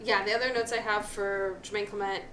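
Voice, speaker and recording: A woman's voice: mid-range voice, little pitch movement, fairly quick, bright, forceful tone. A woman co-hosting a podcast in casual chat, retelling anecdotes with quoted voices. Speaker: podcast co-host. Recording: echoey room, faint noise.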